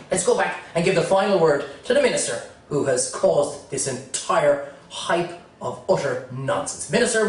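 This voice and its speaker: A man delivers sarcastic, wry commentary as a mock news presenter. His fairly high voice echoes around the room, and he stands back from the mic with faint hiss behind. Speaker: satirical show presenter. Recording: echoey room, voice set far off.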